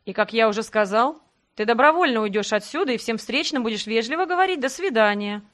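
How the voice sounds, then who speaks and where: Audiobook villain: taunting ambassador man, high and forceful, read by a woman. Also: lively intonation, fast talker. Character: smug menacing male ambassador villain.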